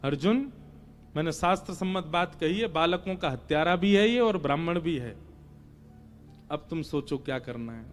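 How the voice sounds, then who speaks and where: A man's voice: on the high side, lively intonation, normal speed. A male preacher telling a devotional story in a sermon, dramatic and emphatic, acting out the dialogue.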